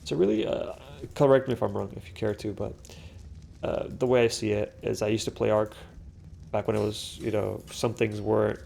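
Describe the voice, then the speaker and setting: This gaming commentator is a young man speaking from a home room with a congested, stuffy nose. His lowish voice is creaky and warm, steady in tone at a moderate pace, and a faint hiss or hum runs underneath. He talks loosely over his solo game, rambling, cursing, and restarting often amid lots of filler words.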